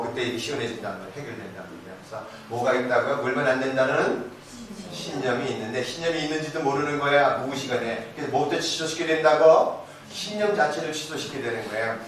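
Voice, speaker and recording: Man lecturing in an echoey hall. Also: on the high side. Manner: animated, asks the audience questions and answers them himself; shifts between casual speech and polite address. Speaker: parenting lecturer. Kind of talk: live lecture to an audience. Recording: very echoey hall, distant mic, noisy.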